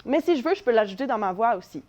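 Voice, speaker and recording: In a living room at home, a young drama teacher gives a children's voice lesson, encouraging the kids and demonstrating vocal exercises. She speaks very fast with lively intonation, in a slightly mellow voice on the high side.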